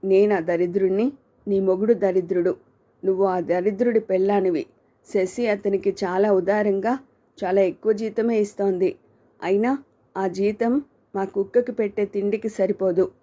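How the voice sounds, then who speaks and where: A sneering, cruel young male villain from an audiobook story, as a woman narrator reads his lines. His taunts come in a mellow, warm voice at an even middle pitch. The delivery stays mocking and scornful throughout. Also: moderate pace, natural voice. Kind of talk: audiobook character reading.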